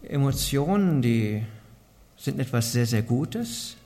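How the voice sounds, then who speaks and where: A man's voice: mid-range voice, big pitch swings, takes it slowly. A man preaching a sermon in an earnest way, asking the congregation many rhetorical questions. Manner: earnest, asks rhetorical questions, varies loudness a lot.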